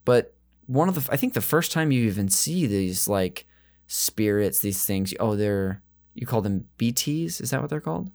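A man's voice: lowish voice, lively intonation, moderate pace, vocal fry, a little mellow. A man co-hosting a casual podcast, rambling with many fillers and restarts. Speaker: podcast co-host.

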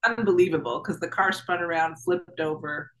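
A woman's voice: on the low side, normal speed, fairly bright tone, rough recording. Woman in her thirties, guest storyteller, chatty, lots of "like", acts out her own thoughts. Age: 30s. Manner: vivid, chatty retelling with many "like"s and acted-out thoughts. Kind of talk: personal storytelling interview.

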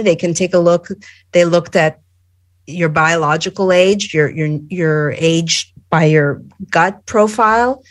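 A woman with a somewhat low voice talks with eager enthusiasm in a casual panel discussion. She chats freely and restarts her phrases often.

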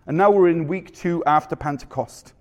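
A pastor preaches in a chatty, storytelling way. His voice sits fairly high for a man, and he leans on rhetorical questions to pull the congregation in. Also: moderate pace, lo-fi sound. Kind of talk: sermon.

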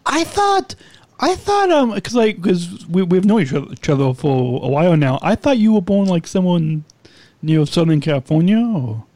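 Male podcast host, thirties, rambling and restarting questions, dark mellow tone. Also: sits high, sing-song, normal speed, dry recording. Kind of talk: casual interview.

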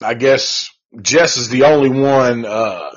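A man hosts a casual live movie review, wandering from thought to thought with casual profanity and slang. His voice is husky and his pace slow and unhurried. The recording sounds dull and lo-fi. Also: medium pitch. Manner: rambling, profane, laid-back slang. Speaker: live show host.

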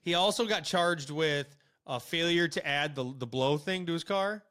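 A young man chatting on a podcast in a fairly high, bright, forceful voice. He is animated and blunt, and he jokes his way through local stories. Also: normal speed. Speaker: podcast co-host. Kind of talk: casual podcast chat.

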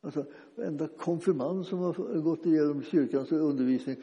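A male preacher with a very dark, mellow voice gives an informal, conversational sermon. He talks haltingly, restarting phrases and filling pauses as he goes. The recording is dull and lo-fi, with a long reverb tail. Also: fairly high pitch.

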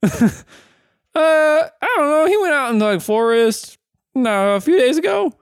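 A man's voice: very high-pitched, big pitch swings, a little slow, no echo, clean studio sound, voice pushed up, full character voice. A man voicing a friendly town drunk, a blacksmith's apprentice, in folksy, rambling drunk talk for a tabletop game. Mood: rambling, amiable. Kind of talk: tabletop role-play character.

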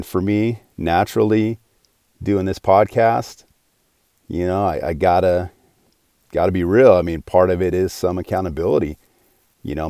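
Speaking by himself on his own podcast, a man in his forties uses a low, mellow, smooth voice. Recorded dry with studio quality, his casual monologue is heartfelt and rambling, with many restarts.

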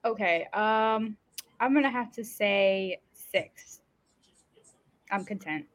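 A young woman guest speaks casually at an unhurried, slow pace. Her voice is mid-pitched and she hesitates often. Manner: hesitant, halting. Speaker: podcast guest. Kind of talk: casual chat.

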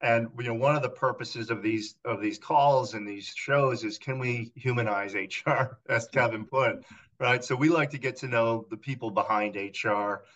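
A man's voice: mid-range voice, normal speed, a bit bright, dull audio. A man co-hosting a podcast, asking a guest about his career in an affable way with plenty of fillers. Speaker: podcast co-host. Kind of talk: interview questions.

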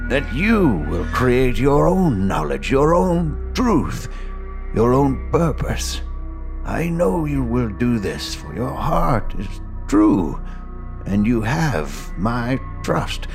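A man performs an aged, wise mentor in a fantasy audio drama. He speaks solemnly and haltingly, stretching out his words with tender gravity, with music underneath. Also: medium pitch, vocal fry, voice pushed up, full character voice. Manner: solemn, halting, drawn-out delivery. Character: old wise mentor giving a pupil his farewell.

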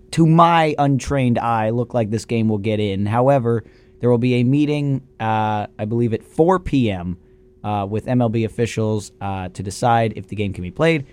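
A man co-hosting a casual sports talk show, animated and opinionated as he reasons aloud. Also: medium pitch. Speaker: sports radio co-host.

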